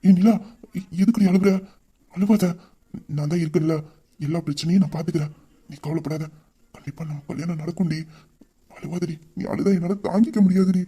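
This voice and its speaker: A man voicing a gentle young fiancé who softly reassures in an amateur audio drama. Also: sits high, steady tone, a little fast, pauses often, slightly rough. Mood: soothing. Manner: soft, soothing, hushed.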